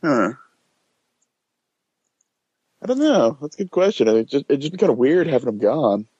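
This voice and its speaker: A man's voice: mid-range voice, big pitch swings, moderate pace, warm tone, slightly rough, no room sound, lo-fi sound. A man on a podcast panel who chimes in with short interjections in casual chat.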